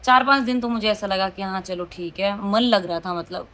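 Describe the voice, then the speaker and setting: Loud, outspoken young woman vlogging. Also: mid-range voice, a little fast. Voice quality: loud, forceful voice. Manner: outspoken and emotional, talks straight to viewers. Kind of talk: casual confessional vlog.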